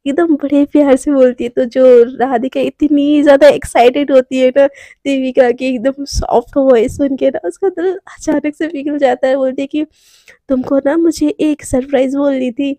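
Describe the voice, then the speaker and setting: High-voiced woman telling a romance story. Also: fairly even intonation, moderate pace, dark tone, dry recording, studio quality. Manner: conversational, chatty, uses filler words. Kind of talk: casual serialized story narration.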